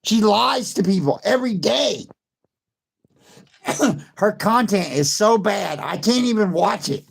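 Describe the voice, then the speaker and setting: A hoarse man who has lost his voice, coughing and talking defensively in casual chat, repeating his points. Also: sits high, animated, slow. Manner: repetitive, defensive.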